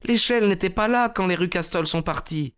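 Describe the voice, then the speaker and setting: A man voicing a frightened young female governess, speaking high and alarmed. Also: brisk, a bit bright, clean tone.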